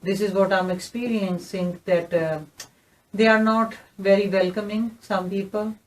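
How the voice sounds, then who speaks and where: A woman in her fifties, Pakistani-accented, speaks at a measured pace and medium pitch with fairly even intonation. She is an interview guest telling her story earnestly for a recorded testimony, her voice somewhat distant from the mic.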